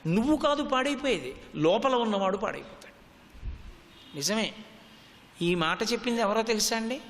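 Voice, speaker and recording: Bright, high-voiced man preaching in a hall. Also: normal speed, a little hiss or hum. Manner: animated storytelling, quotes Sanskrit verses, rhetorical questions. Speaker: religious discourse speaker. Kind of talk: devotional sermon. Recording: long hall reverb.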